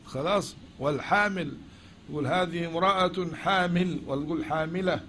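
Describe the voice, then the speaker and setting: Egyptian man lecturing, raised pitch. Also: fairly quick, bright, forceful tone, a little hiss or hum. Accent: Egyptian Arabic. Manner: asks questions and answers them himself. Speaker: teacher of logic. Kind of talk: classroom lecture.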